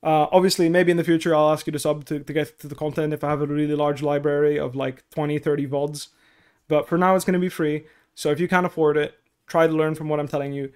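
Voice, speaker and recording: Speaking from a headset at his desk in a small indoor room, a young Dutch-native man coaches viewers on a casual stream, answering chat and walking through each step with plenty of okays. His voice sits on the high side with little pitch movement and a quick pace. The tone is clean and a little mellow.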